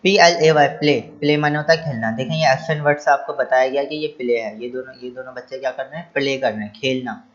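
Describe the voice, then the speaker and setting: Teacher spelling English words, dull audio. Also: male voice, medium pitch, fast, few pauses. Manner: spells words letter by letter, then repeats and translates; asks rhetorical questions to the class. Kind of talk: explaining English vocabulary to children.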